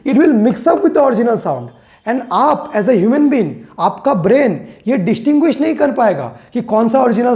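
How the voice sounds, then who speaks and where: A man teaching a physics lesson, slowly repeating key phrases as if for dictation and mixing English terms into his explanations. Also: very high voice, darkish tone. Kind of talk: classroom lesson.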